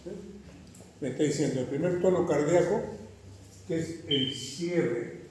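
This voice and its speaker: A man's voice: a little high, measured pace, a little mellow, slight background noise. Echoey far-off male lecturer. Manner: asks rhetorical questions, frequent "¿sí?" checks. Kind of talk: classroom lecture. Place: classroom. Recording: echoey classroom recorded from far off.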